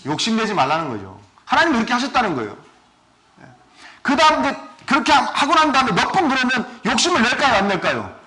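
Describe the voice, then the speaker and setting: A male pastor giving a sermon, asking his congregation questions and swinging between loud and soft. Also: very high-pitched, huge pitch swings, fast talker, a crowd in the background. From South Korea. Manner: asks the congregation questions often.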